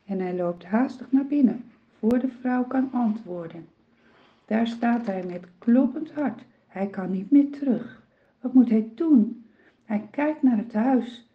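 A woman's voice: a little high, lively intonation, slow pace, phone-quality sound. A woman telling a children's Bible story in a dramatic, emotive way.

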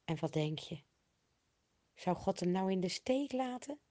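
A woman tells a Bible story to children at an unhurried pace. Her voice dips to a hush and then rises again, with plenty of lively movement in pitch. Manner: slow, expressive, swinging from hushed to loud.

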